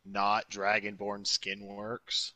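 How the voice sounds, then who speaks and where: A man's voice: fairly low pitch, completely flat delivery, slow pace, pushed and bright, no echo, poor audio. A laid-back, jokey man playing a tabletop game with friends. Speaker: player. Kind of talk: casual tabletop game chat.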